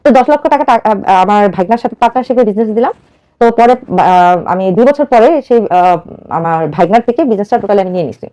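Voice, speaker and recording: Speaking quickly in a mellow, medium-pitched voice, this woman from Bangladesh, in her thirties, shares her life story with a radio host. She sounds earnest and urgent and performs the quoted lines of dialogue in this emotional personal account.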